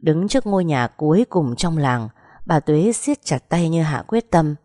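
Female storybook narrator, low and mellow, soft and measured. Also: expressive, dry recording, clean studio sound.

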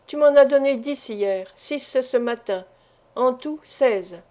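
A woman's voice: high-pitched, slow, dark tone. A woman reading the lines of a stern, ailing elderly father who presses his family with questions. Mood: commanding.

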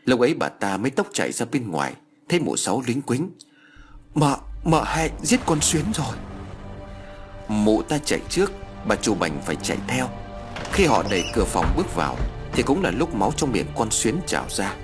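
A man's voice: fairly low pitch, very animated, brisk, over music. A man narrating an audiobook story in a dramatic manner. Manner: dramatic, swings into character voices.

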